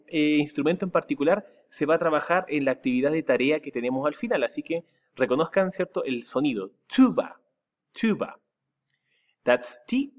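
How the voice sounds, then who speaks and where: A man's voice: a little high, lo-fi sound. A man from Chile with a Chilean Spanish accent, teaching English vocabulary to pupils, spelling each word out letter by letter and repeating it. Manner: spells words letter by letter, repeats them slowly with rising stress. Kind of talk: recorded vocabulary lesson for pupils.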